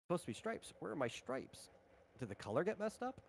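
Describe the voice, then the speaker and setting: A game designer runs a tabletop RPG session, casually explaining the rules in an informal, conversational way. His fairly high voice swings widely in pitch, moves briskly, and has vocal fry.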